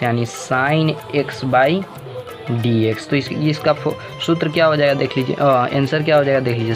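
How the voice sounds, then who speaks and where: Slow-speaking male maths teacher. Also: mid-range voice. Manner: slow, repetitive, checks in with "samjhe na guys". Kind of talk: chalkboard maths lesson.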